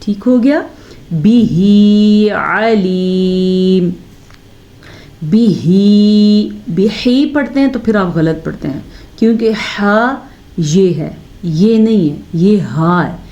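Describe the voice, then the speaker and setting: A woman teaching Quran recitation, who explains step by step, points out common mistakes and recites phrases slowly with long held sounds. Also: mid-range voice, animated, darkish tone, dull audio. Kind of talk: slow step-by-step recitation lesson.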